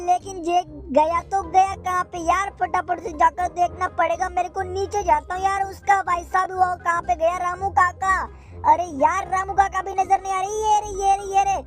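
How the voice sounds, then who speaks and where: A man voicing a bossy male police gang leader who threatens and shouts at his rivals during a game commentary. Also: very high voice, pitched above the performer's own voice. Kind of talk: gameplay commentary role-play. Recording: loud background game music.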